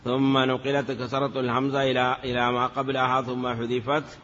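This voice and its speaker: A man teaching classical grammar. He drills word forms slowly, chants some of them, then explains them quickly, often adding a confirming "yes.". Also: medium pitch, little pitch movement, a bit bright, a little hiss or hum. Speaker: teacher of Arabic morphology. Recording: dull lo-fi recording with a long hall reverb.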